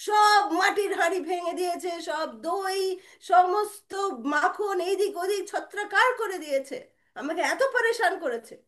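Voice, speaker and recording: A woman's voice: fairly high pitch, a little slow, hardly any pauses, a little mellow, lightly acted. A woman voicing Yashoda, an exasperated mother scolding the boys sharply.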